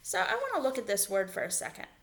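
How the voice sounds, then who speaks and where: A woman teacher reading a children's chapter book aloud to young students, with a lively voice that rises and falls a good deal. She pauses the story to explain words in a patient, explanatory way. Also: high-pitched. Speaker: elementary school teacher.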